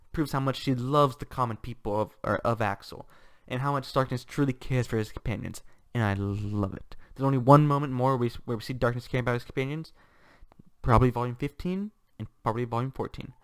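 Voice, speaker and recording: A young man giving an enthusiastic, animated casual book review, gushing as he talks. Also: mid-range voice, a little fast, clear, resonant tone.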